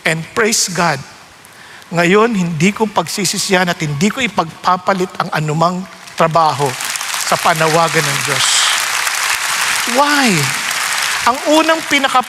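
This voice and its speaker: A man with a Filipino accent preaching a sermon, telling a personal testimony in animated storytelling that mixes Tagalog and English. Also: high voice, very noisy.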